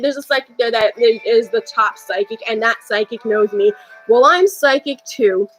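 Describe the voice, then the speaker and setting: Young woman vlogging, kinda high voice, rambles a lot, keeps restarting and saying um. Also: fairly bright tone, low-quality recording. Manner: rambling, many restarts and fillers. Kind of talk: unscripted personal monologue.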